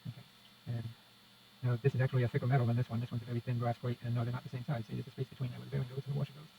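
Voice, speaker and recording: Rapid-fire and creaky, this medium-pitched male voice delivers flat, muttered step-by-step commentary during a casual radio repair demonstration. He's indoors at a workbench, and the audio is dull and lo-fi with a little noise.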